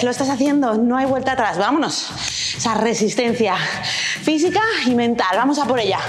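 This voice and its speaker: A woman with a Castilian Spanish accent leads a workout in a fairly high voice. She urges people on with short, exclaimed cues and countdowns. Loud music plays behind her throughout. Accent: Castilian Spanish from Spain. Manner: urging, motivational, short exclaimed commands. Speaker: fitness coach leading a workout.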